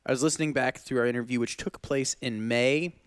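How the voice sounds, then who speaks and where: Relaxed male podcast host in a bar. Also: medium pitch, brisk, smooth, no echo, clean studio sound. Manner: relaxed, jokey, talks while eating. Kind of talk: casual chat over food.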